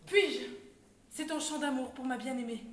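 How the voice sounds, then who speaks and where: A man's voice: very high-pitched, moderate pace, a bit bright. An actor playing a lovestruck amateur poet, declaiming his verse theatrically like a hammy stage actor in a comedy. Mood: earnest, eager. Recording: echoey stage, faint noise.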